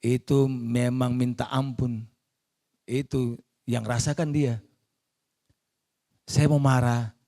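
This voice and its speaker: Pastor telling a story in a mellow voice. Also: male voice, medium pitch, level tone, takes it slowly, pauses often. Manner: conversational storytelling, acting out quoted voices. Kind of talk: sermon testimony.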